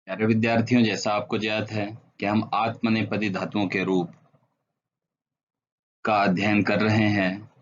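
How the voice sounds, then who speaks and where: A man teaching a Sanskrit grammar lesson online, reciting verb forms in a slow, measured way. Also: on the low side, little pitch movement, highs cut off, a little hiss or hum.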